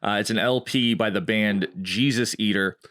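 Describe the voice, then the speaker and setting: A man's voice: on the low side, normal speed, fairly bright tone. A man co-hosting a podcast in casual chat, giggling a lot and swearing casually. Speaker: podcast co-host.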